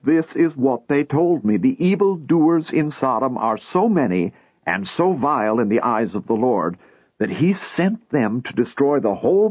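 An agitated old man pleads and insists, his husky voice raised a little, as a man plays him. It sounds thin and phone-like, with no room around it. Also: mid-range voice, a little mellow, no room sound, pitched above the performer's own voice. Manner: urgent, insistent.

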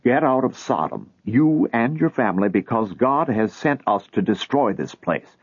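A man's voice: mid-range voice, animated, normal speed, breathy edge, no room sound. A man voicing an agitated, pleading old man who insists on a warning, in a storybook reading. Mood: urgent. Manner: urgent, insistent. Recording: tinny phone-like sound.

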